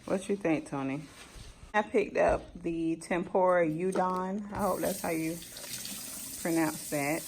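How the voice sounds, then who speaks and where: A woman's voice: fairly low pitch, fairly even intonation, a little slow, darkish tone, slight background noise. A young woman, chatting casually to viewers in a shopping vlog. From Florida. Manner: chatty, addressing viewers as y'all. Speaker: vlogger.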